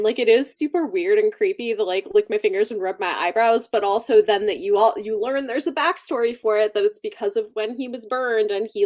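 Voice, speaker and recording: A woman hosts a casual livestream book chat for her book channel, speaking conversationally and thinking out loud. Her voice sits on the high side with a darkish tone.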